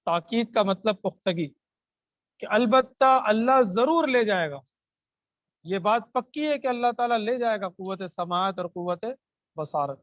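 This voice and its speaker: A man with a Pakistani Urdu accent teaching a Quranic grammar lesson into a microphone. He recites Arabic verses slowly, then explains them, and asks the class questions that he answers himself. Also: high-pitched, dry recording, dull audio.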